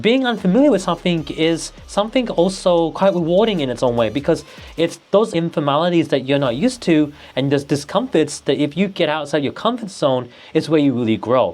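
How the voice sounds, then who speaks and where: A man's voice: a little high, a little mellow. A man, a nervous vlogger talking casually to camera with many restarts and fillers. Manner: hesitant, restarts and fillers, motivational.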